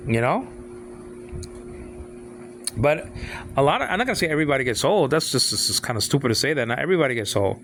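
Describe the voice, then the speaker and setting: A man of sixty giving an informal talk on faith, halting and repeating himself, often asking if the listener follows. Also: mid-range voice, very animated, fairly bright tone, slight background noise. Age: 60s. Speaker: father speaking on faith.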